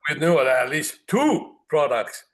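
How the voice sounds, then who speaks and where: Relaxed man chiming in on a call. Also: fairly high pitch, a little slow. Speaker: guest speaker on business forum. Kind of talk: casual chat in a video call. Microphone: video call.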